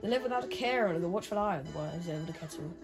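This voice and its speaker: A woman's voice: lowish voice, very fast. A woman gaming on video, reading the game's story aloud with joking asides. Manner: animated, jokey asides to the story. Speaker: gaming YouTuber. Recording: game music playing behind. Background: game music.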